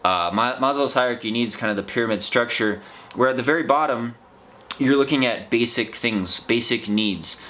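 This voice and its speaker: A man's voice: mid-range voice, moderate pace, sharp tone. An American man talking in a casual, unscripted vlog monologue, rambling in a reflective, earnest way. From United States. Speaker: vlog host, trail runner.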